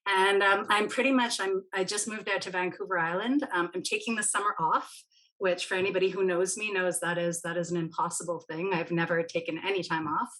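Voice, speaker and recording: Woman from barbados, chatty consultant on a video call, kinda low voice, laughs a lot. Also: fairly even intonation, brisk, fairly bright tone, low-quality recording. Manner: chatty, laughs easily, restarts often. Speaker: management consultant. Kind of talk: casual panel chat. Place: remote webinar call.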